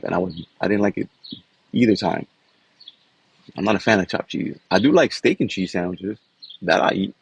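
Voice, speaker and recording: A man from New York City talks in a low, gravelly, husky voice for a casual personal vlog. His delivery is loose and casual, and he often tags sentences with "man" and "you know."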